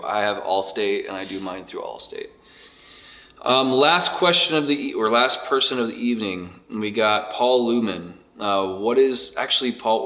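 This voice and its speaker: Casual, quick-talking man interviewer. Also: on the low side, a bit bright. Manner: quick, loose, reads viewer questions aloud. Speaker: interviewer and channel host.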